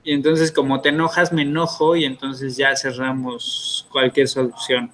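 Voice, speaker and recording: A man's voice: mid-range voice, little pitch movement, moderate pace, fairly bright tone. A man, hosting a casual podcast and talking hesitantly, with many fillers and restarts. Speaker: podcast host. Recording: faint background noise.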